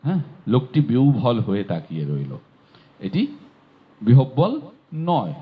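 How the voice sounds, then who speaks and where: Man teaching slow careful pronunciation. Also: medium pitch, very animated. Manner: slow, drawn-out demonstration of sounds. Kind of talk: recitation pronunciation lesson. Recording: dull lo-fi audio.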